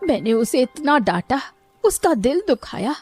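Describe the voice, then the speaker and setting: A woman's voice: high voice, very animated, measured pace, a little mellow, faint music behind. Woman voicing tearful remorseful cartoon mother. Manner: emotional, tearful. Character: weary middle-aged mother, remorseful and loving. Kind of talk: Hindi cartoon voice acting.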